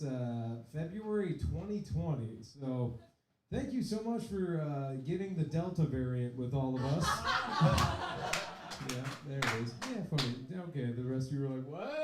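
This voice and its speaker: Male comedy host, high voice, rambling sign-off, echoey and noisy room. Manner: loose, hesitant, filler-heavy, joking. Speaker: show host. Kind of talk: closing remarks at a comedy show. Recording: echoey room, loud crowd and noise.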